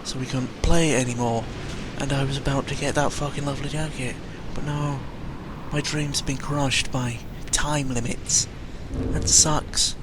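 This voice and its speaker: A young British man records a casual, rambling, sweary audio log in the style of a gaming vlogger. His medium-pitched voice is steady and measured. The amateur recording is clearly noisy, with ambient sound.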